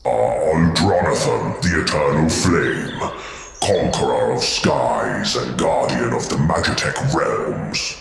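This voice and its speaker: A man voicing a proud dragon guardian in a tabletop game replay, with a rumbling, growling voice and a grandiose, weighty delivery. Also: slow, creaky, roomy sound, slight background noise, full character voice. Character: proud ancient-sounding dragon guardian, a young male.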